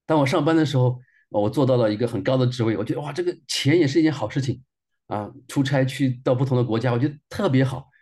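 A man's voice: medium pitch, fast, darkish tone. A man in his forties, a minister, sharing a personal testimony sermon in an earnest way and repeating phrases for emphasis.

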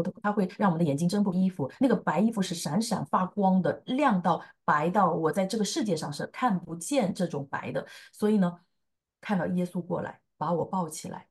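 A woman's voice: on the low side, a little mellow. Earnest woman giving a faith testimony. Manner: earnest, halting with frequent fillers. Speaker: testimony speaker. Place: lives in the United States.

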